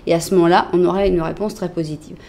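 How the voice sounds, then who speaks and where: A woman's voice: lowish voice, steady tone, fast, creaky, a little mellow. A woman with a French accent giving a casual, playful tarot reading, chatting to her viewers and thinking aloud as she lays out the cards. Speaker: tarot reader.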